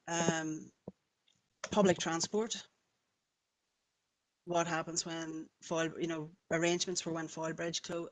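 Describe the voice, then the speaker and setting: A woman speaks as a planning officer before a committee. She talks in a level, steady tone with little rise and fall, and she corrects herself often as she explains. She is heard over a remote meeting call. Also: sits low, poor audio. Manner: halting, self-correcting, careful.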